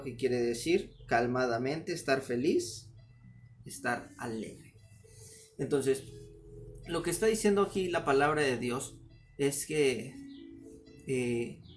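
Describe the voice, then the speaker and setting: A man giving an informal sermon video, reciting verses from memory and explaining words with many fillers. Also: medium pitch. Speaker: preacher.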